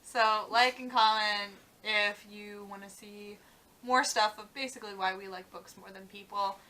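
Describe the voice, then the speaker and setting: A young woman co-hosting a casual vlog chat, talking fast and loose with lots of fillers. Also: medium pitch, steady tone, sharp tone, low-quality recording. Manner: chatty, many "like" fillers, trails off. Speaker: vlog co-host.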